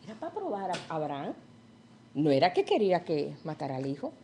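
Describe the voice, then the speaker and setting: A woman's voice: sits low, wildly swooping pitch, fairly quick, mellow, a little hiss or hum. A woman teaching a Bible study sermon, retelling stories and asking her listeners questions.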